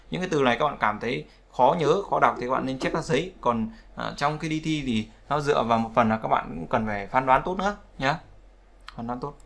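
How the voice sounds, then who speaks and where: Gravelly, bright male teacher. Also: mid-range voice. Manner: repetitive, conversational, checks with "đúng không?". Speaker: English pronunciation teacher. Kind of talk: explaining word stress in a lesson.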